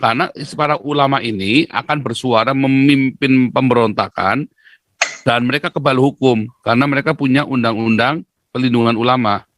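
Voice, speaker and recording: Man, emphatic, lecturing, talk-show guest, mid pitch, dry sound. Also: normal speed, a bit bright, no echo.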